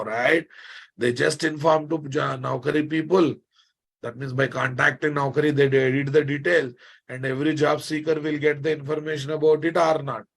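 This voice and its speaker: A man with a Telugu Indian accent lecturing a class as a software instructor, repeating phrases for emphasis and prodding his students with check questions. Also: on the high side, creaky.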